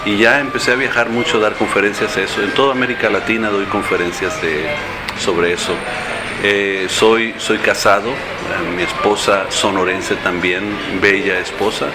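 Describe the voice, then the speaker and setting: A man's voice: on the low side, steady tone, moderate pace, loud music behind the voice. An older man, a mayoral candidate, answering interview questions in a café, hesitating with many fillers and restarts. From born in San Antonio, Texas, raised in Mexico and Central America. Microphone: handheld recorder held close.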